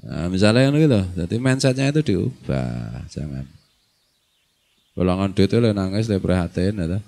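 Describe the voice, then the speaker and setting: A middle-aged Javanese-accented man leads a relaxed religious study session, his voice sitting fairly low. He teases his listeners and laughs easily, and he slips into Arabic recitation between plain remarks. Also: normal speed, gravelly. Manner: jokey, laughs often, mixes local and Arabic phrases. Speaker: Islamic scholar teaching a study circle. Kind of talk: casual religious lecture.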